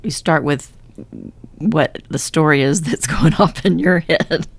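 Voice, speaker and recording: A woman's voice: sits low, measured pace, breathy edge, no room sound. A woman co-hosting a podcast who coaches clients, chatting casually, rambling and correcting herself with frequent laughs. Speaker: podcast co-host. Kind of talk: casual chat.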